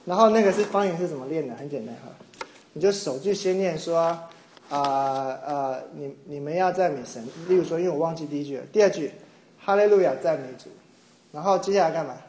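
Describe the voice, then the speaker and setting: A middle-aged man from Taiwan preaching a sermon, telling a personal story with animated mimicry of others. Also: on the high side, fast talker, slight background noise. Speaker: pastor. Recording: echoey room with faint ambience.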